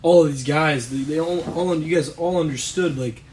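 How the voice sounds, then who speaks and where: A man's voice: fairly high pitch, normal speed, a crowd in the background, low-quality recording. A man interviewing a guest in a casual chat, asking loose questions full of filler words.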